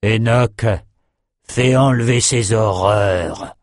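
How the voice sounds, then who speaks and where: A man's voice: on the low side, very slow, dry recording, studio quality. A man playing a cold, menacing warlord general. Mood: cold command. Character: cold cruel male warlord general, commanding.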